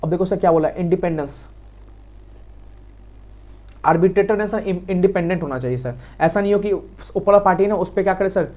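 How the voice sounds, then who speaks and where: A man with an Indian accent giving a quick exam revision lecture on law, talking fast and repeating key points to his students. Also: high voice, mellow. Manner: quick, repetitive, addresses students as sir. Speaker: law teacher.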